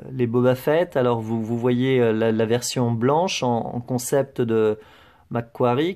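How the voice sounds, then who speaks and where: A man's voice: mid-range voice, darkish tone. A man giving a casual show-and-tell tour of his collection, hesitant, with many fillers and restarts.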